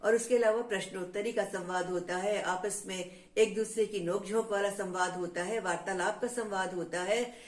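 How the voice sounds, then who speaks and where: A woman's voice: medium pitch, steady tone, normal speed. A woman telling a story to children in a teacherly way, addressing them as friends. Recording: roomy echo.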